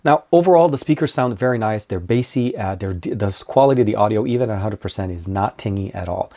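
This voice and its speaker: A man's voice: fairly low pitch, animated, fast, dark tone, soft background music. A man with a cold, giving an upbeat, informal tech product review and talking to viewers as you guys. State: getting over a cold.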